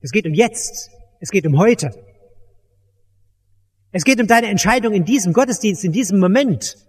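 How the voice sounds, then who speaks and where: An urgent male preacher drives his sermon home, speaking directly to his hearers. His voice sits high for a man. A long church reverb trails every line. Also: expressive, normal speed, breathy edge. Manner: urgent, emphatic, addresses the listener directly. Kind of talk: evangelistic sermon.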